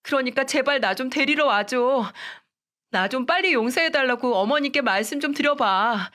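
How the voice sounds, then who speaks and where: A woman's voice: high-pitched, normal speed, sharp tone, voice pushed up. A woman voicing a young daughter-in-law in a radio story, pleading and begging.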